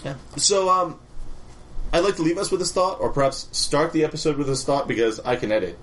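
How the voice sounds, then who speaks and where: A man's voice: fairly high pitch, a little fast, fairly bright tone, slight background noise. A man hosting a podcast in casual chat, using a put-on radio announcer voice. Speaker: podcast host.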